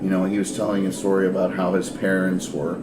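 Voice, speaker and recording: A man's voice: sits low, completely flat delivery, fast, noisy background. A man narrating a tabletop game as game master in a casual way, with many fillers. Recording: roomy echo with music behind.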